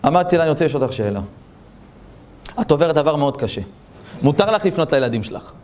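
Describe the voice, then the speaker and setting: A rabbi delivers an animated talk and moves from teaching into everyday stories. He speaks straight to his listeners and keeps asking them questions. His voice sits a little high for a man. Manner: animated preaching, rhetorical questions, addresses listeners directly. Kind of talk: Torah talk with storytelling.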